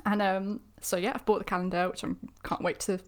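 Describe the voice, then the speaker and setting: A woman with a mixed southern English accent, hosting a casual chat. She is chatty and giggly and makes quick asides. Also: mid-range voice, little pitch movement. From England, born in the southeast, raised in the southwest. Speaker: podcast host. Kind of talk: casual video-call chat.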